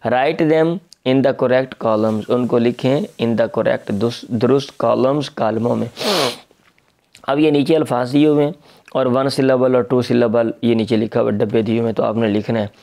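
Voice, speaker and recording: A man teaching a children's English lesson, reading each English phrase and explaining it in Urdu, repeating words for young learners and clearing his throat now and then. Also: mid-range voice, fairly even intonation, a little slow, darkish tone. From Pakistan. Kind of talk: slow line-by-line lesson translating English into Urdu.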